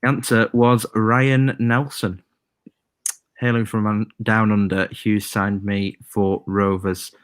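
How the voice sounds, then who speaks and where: A man hosting a live quiz stream, reading rhyming clues slowly and chatting between questions. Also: on the low side, little pitch movement, clear, resonant tone, no room sound, clean studio sound. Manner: reads quiz rhymes slowly, chatty asides. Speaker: quiz host.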